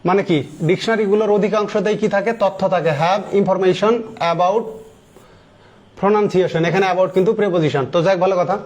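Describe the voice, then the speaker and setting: High-voiced man teaching grammar in his thirties. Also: steady tone, darkish tone. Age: 30s. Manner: explains step by step, slowly spelling out English example sentences and words; repeats key words and asks the class questions. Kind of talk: online grammar lesson.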